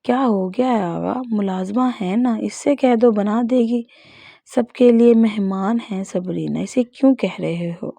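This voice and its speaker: A woman's voice: mid-range voice, gravelly, dark tone, dry recording. A woman reading as a motherly middle-aged aunt. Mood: concerned.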